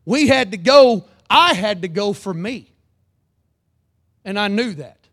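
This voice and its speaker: A man preaching a sermon, reading scripture aloud and calling for amens, swinging between loud emphatic lines and low earnest ones. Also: animated, takes it slowly.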